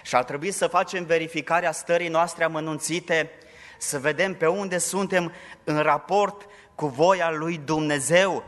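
A man's voice: on the high side, a bit bright. A pastor preaching a sermon in church, emphatic, raising his voice on scripture verses. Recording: long reverb of a church hall.

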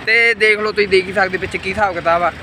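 A man's voice: high voice, fairly even intonation, fast, sharp tone. A man in his twenties with a Punjabi accent, chatting casually and slangily to his vlog viewers, joking as he goes. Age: 20s. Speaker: vlogger. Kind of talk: casual vlog chat to camera. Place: on the move in malls, streets, a car and a cafe. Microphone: phone at arm's length. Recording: noisy outdoor phone recording, crowd and traffic. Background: crowd chatter and vehicle noise.

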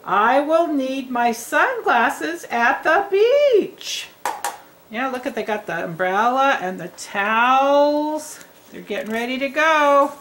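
A woman reading teacher giving a lesson to young children at a tabletop, speaking in a slow, encouraging way and sounding words out. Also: high-pitched, a bit bright, a little hiss or hum. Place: indoors at a tabletop.

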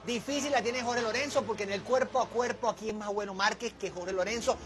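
A man's voice: sits high, brisk. A man co-commentating live on motorcycle racing in an emphatic way, repeating his phrases.

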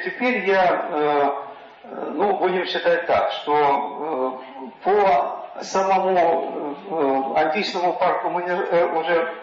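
A man presenting project slides at a council meeting as an architect, in a halting, explanatory way. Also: high-pitched. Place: meeting room, recorded on a dictaphone. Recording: very echoey, muffled dictaphone recording.

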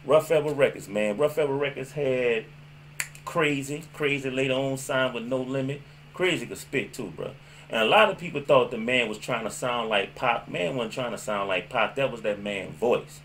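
A man's voice: medium pitch, moderate pace, a bit bright, slight background noise. A middle-aged man with a New Orleans accent, reminiscing casually and slangily to camera, often repeating himself as he recalls. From New Orleans, USA. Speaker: host of a local music history show. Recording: music playing behind the voice. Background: background music.

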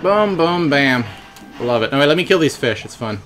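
Animated, bright-voiced man doing game commentary. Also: mid-range voice, moderate pace. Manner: profane, playful, blurts out sound effects. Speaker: gaming video host. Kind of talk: joking gameplay commentary. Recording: game music behind the voice.

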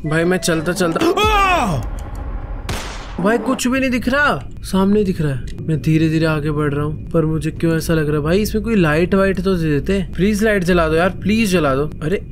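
A young man with a Hindi accent doing excitable let's play commentary of a horror game, talking to viewers with jumpy startled cries. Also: a little high, brisk, few pauses, noisy background. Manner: excitable, talks to viewers, jumpy frightened exclamations. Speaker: gaming YouTuber.

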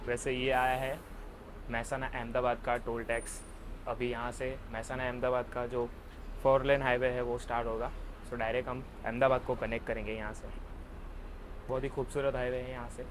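A man's voice: medium pitch, little pitch movement, moderate pace. A young man narrating a casual travel vlog from a moving bus at night, chatty and mixing English words into his talk. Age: young adult. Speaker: travel vlogger. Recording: bus and street noise behind. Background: engine and traffic noise.

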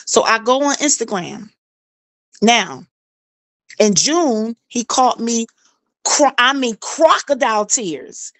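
A woman's voice: fairly high pitch, slow pace, long pauses, no echo. Woman telling a story, dry close sound. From South Carolina, US. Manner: animated, acts out quoted dialogue, repeats phrases for emphasis. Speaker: co-host telling her own story. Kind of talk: casual storytelling chat.

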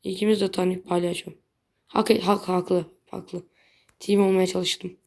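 A woman's voice: lowish voice, level tone, unhurried, a little mellow. A young woman chatting casually while playing a mobile game, blunt and easily frustrated, swearing lightly at her bad luck. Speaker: gaming video creator. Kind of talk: casual gameplay commentary.

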